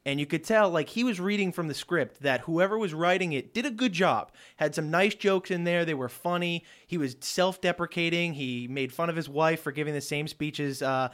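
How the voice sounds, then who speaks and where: A man's voice: a little high, normal speed, hardly any pauses, fairly bright tone. A man hosting a radio talk show, telling stories loosely with restarts and asides.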